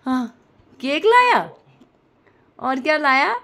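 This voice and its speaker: High, sing-song young mother teasing her toddler. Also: very animated, slow pace, a bit bright. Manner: teasing, coaxing, laughs often. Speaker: mother and family vlogger. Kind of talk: playful baby talk with a toddler.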